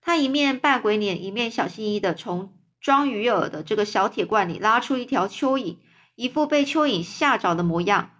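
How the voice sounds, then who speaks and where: A woman's voice: lively intonation, normal speed, a bit bright. A woman reading a children's novel aloud, stopping to explain words in simple terms. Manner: voices the quoted characters with raised pitch.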